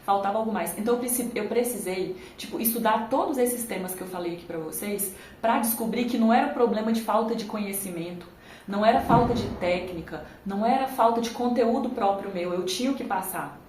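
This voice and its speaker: A woman's voice: mid-range voice, fairly quick, darkish tone, roomy sound, slight background noise, low-quality recording. Chatty woman talking to camera. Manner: chatty, conversational, addresses viewers directly. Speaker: YouTuber. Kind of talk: casual talk to camera. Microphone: phone camera.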